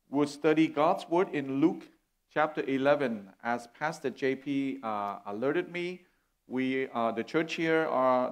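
A middle-aged man from Vietnam, preaching an earnest sermon as a guest speaker on a church stage. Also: on the high side. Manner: earnest, warm, gesturing as he preaches.

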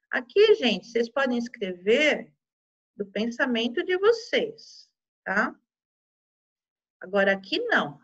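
A woman with a Brazilian Portuguese accent teaches a class for young children in a high, gentle voice. She talks patiently and softens her words as she checks in with the class. The recording sounds slightly dull and lo-fi. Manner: gentle, patient, uses diminutives and checks in often.

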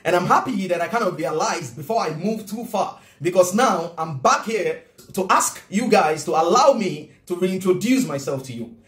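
Nigerian man, thirties, high-pitched, animated vlog talk, echoey kitchen. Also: normal speed. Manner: animated, gestures a lot, earnest. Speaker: vlogger and business coach. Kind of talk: casual talk to camera. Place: home kitchen, indoors. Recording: roomy room echo.

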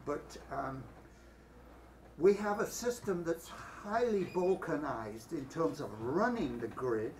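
A man's voice: a little high, animated, slow, darkish tone. Man questioning from the floor, far off. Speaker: audience member asking a question. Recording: distant mic with faint room noise.

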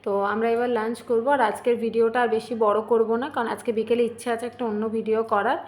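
A woman's voice: fairly high pitch, little pitch movement, fast, darkish tone. A young woman chatting casually in a home vlog, talking straight to her viewers. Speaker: vlogger.

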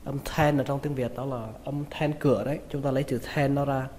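A man with a Vietnamese accent teaching English pronunciation, repeating each word slowly and stressing its syllables. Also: mid-range voice, steady tone, darkish tone. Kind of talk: pronunciation lesson. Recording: reverberant room with faint noise.

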